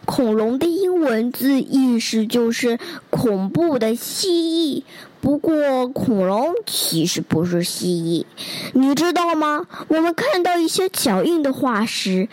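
A woman's voice: high voice, no echo, full character voice, low-quality recording. A woman voicing a huge, homesick young male T. rex in a storybook, earnest and wide-eyed, as if reading to a toddler. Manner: earnest, wide-eyed, simple childlike phrasing. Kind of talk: storybook character letters read to a toddler.

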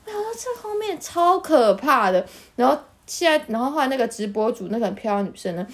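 Podcast host, woman, Taiwanese Mandarin accent, animated storyteller, high and quick. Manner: animated, bursts into laughter while telling. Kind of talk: casual storytelling chat.

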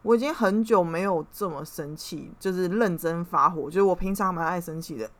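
A woman's voice: lowish voice, brisk, a bit bright. A young woman hosts a podcast and reads tarot. She tells a story in a rambling, heated way and swears when worked up. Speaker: podcast host and tarot reader. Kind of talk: casual storytelling monologue.

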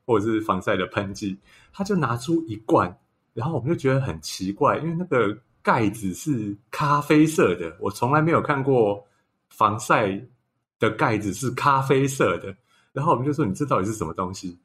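A man's voice: medium pitch, animated, normal speed, fairly bright tone. A man with a Taiwanese Mandarin accent co-hosting a podcast, telling stories in casual chat and laughing often. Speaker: podcast co-host.

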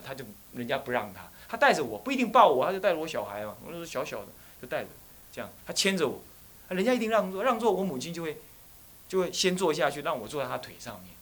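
Man, 30s, Buddhist abbot, dharma talk, animated storyteller, lively pitch. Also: slight background noise. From Taiwan. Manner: animated storytelling, slips into Taiwanese phrases. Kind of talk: dharma talk with personal stories.

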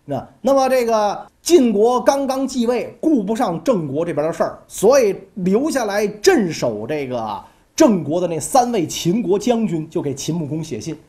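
A man's voice: high voice, moderate pace, few pauses. A man telling history in a casual, colloquial podcast style. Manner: animated, colloquial, acts out characters. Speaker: history storyteller.

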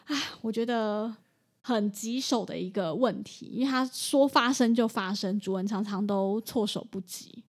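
A woman's voice: mid-range voice, normal speed. A woman, a veterinary clinic assistant telling a story in a casual chat. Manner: animated storytelling.

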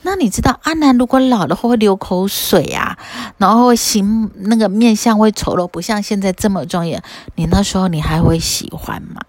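Woman playing a calm wise teacher. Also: mid-range voice, moderate pace, no room sound, close to an everyday voice. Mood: patient. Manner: gentle, patient questioning.

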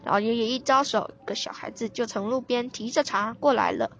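A woman storyteller reading a children's story aloud in an expressive voice. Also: fairly high pitch, a little fast.

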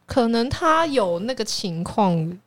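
Animated young woman with a Taiwanese accent. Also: fairly high pitch, slow. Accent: Taiwanese Mandarin. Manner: animated, exasperated storyteller. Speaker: podcast co-host. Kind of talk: casual storytelling chat.

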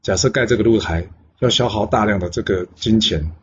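A man's voice: on the low side, fairly quick, husky, lo-fi sound. A man voicing a loyal male court official who pleads urgently. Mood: pleading.

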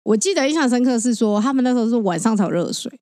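Lady co-hosting a chat show, talks quick, dry close sound. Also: on the high side, no echo. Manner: animated storyteller, quick and chatty. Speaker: podcast co-host. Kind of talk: casual chat.

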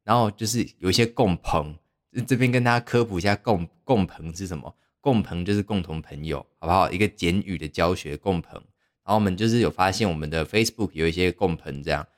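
Low-voiced man rambling. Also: fairly quick. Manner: rambling, self-mocking, heavy use of fillers. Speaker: podcast host. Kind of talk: casual storytelling monologue.

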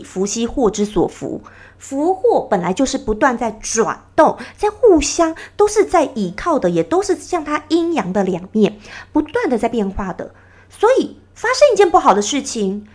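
A woman hosts her own podcast in a casual, reflective monologue. Her voice sits fairly high and swings widely in pitch. She talks earnestly, giving advice and acting out small scenes from her stories. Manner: earnest, advising, animated retellings. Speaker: podcast host.

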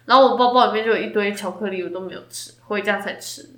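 A woman's voice: medium pitch, fast, echoey room. A woman, co-hosting a casual chat and acting out her own stories. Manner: animated storytelling, acts out her own quoted lines. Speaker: podcast co-host.

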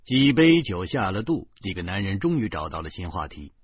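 A man reading a novel aloud as narration, telling the story in a lively way and chuckling now and then. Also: low-pitched, fairly quick, slightly rough, no room sound, lo-fi sound. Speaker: audiobook reader.

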